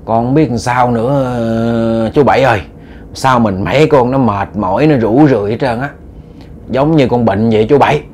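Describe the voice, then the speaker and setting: A man with a Southern Vietnamese accent voicing an exhausted, sickly village man who speaks weakly and slowly. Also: mid-range voice, a little mellow, a little hiss or hum, lightly acted. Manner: weak, drained and slow. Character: sick, exhausted middle-aged village man.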